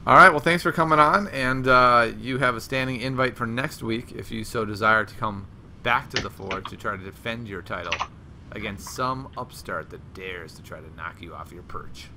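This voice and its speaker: A man hosting an online card game show, commenting casually on matches and interviewing the winner, chatty and quick to laugh. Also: mid-range voice, a little hiss or hum. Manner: chatty, laughs often, animated outbursts. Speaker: host and commentator.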